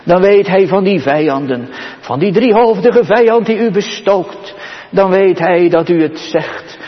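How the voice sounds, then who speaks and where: A man's voice: high-pitched, expressive, measured pace. A man preaching a sermon solemnly, swelling into exclamations and dropping to near-whispers. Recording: dull sound, long reverb of a large church.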